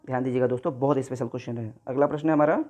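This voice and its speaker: A man's voice: mid-range voice, fairly even intonation, racing, dark tone. A male teacher giving an exam-prep grammar lesson, explaining each question step by step and often addressing his viewers as friends.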